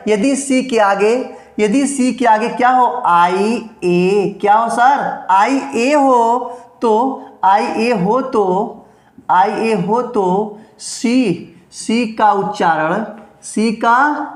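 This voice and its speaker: A man's voice: sits high, slow pace, reverberant. Man drilling basic English words. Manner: drills words with repeated questions and answers; encouraging, promises and blessings to students. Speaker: English teacher. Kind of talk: basic English lesson for beginners.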